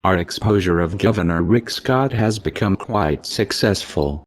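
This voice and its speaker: A man speaking in a disguised, computer-altered deep voice, reading a scripted statement in a slow, menacing monotone. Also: no room sound.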